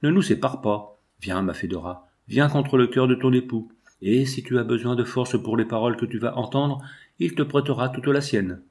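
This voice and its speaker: A man voicing a tender, steady exiled father who speaks reassuringly to his wife and daughter, in a storybook reading. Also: mid-range voice, moderate pace, lightly acted.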